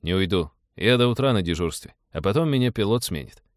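Мужчина, читающий реплики спокойного немногословного молодого пилота корабля, говорит ровно и бесстрастно. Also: male voice, on the low side, a little fast, dry recording, studio quality, natural voice. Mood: calm. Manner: flat, terse, unemotional. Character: calm laconic young male ship pilot.

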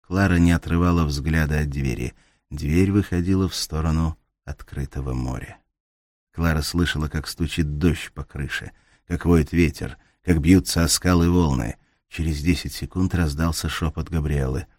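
Male thriller narrator, bass-low pitch, dry close read. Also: fairly even intonation, moderate pace, darkish tone, dry recording. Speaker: audiobook narrator. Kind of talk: scripted narration.

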